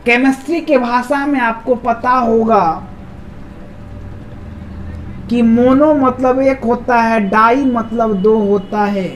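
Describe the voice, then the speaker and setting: A woman's voice: a little high, steady tone, takes it slowly, pauses often, slight background noise, low-quality recording. A woman teaching an English grammar lesson who repeats key words and keeps asking her viewers questions. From India. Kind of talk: explaining a lesson.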